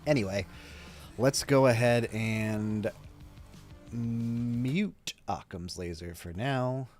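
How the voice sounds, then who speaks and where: A man's voice: mid-range voice, slow, darkish tone. A man hosting a casual reaction vlog, tired and drowsy, rambling and swearing casually. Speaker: reaction video host. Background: faint music.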